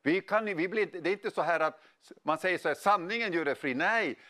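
Lively storytelling male pastor. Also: high-pitched. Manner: animated storyteller, casual slang. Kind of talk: sermon with storytelling.

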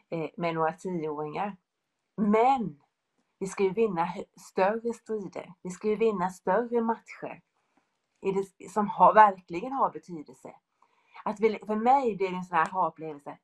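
Brief: middle-aged woman, fervent devotional speaker, earnest and repetitive. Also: fairly low pitch. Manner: earnest, repetitive, builds in lists.

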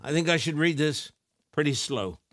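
A man preaching a televised sermon from a studio, reading scripture slowly and deliberately and speaking directly to his viewers. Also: fairly high pitch, lively intonation, no echo. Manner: slow, deliberate, emphatic, addresses viewers directly.

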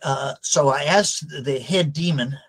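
An older man answering interview questions as a deliverance counselor, measured and hesitant with many fillers. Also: on the high side, husky, low-quality recording.

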